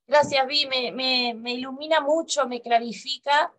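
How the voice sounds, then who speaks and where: Hesitant, slightly high-voiced woman. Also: steady tone, unhurried, fairly bright tone. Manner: hesitant, repeats words while searching. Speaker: group participant. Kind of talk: reflective group discussion.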